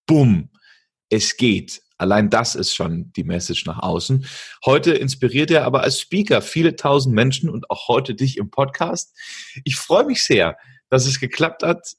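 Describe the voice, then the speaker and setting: A man's voice: medium pitch, animated, measured pace, husky. A man hosting a podcast interview, upbeat, with frequent filler sounds. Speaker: podcast host.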